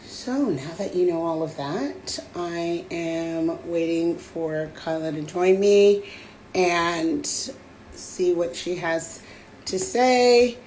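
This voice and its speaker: A woman hosting a casual livestream chat, her raspy voice slightly hoarse from a cold, talking in a relaxed, chatty way with frequent fillers into a phone. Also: on the low side, extremely slow, slight background noise. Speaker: host. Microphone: phone on a live stream.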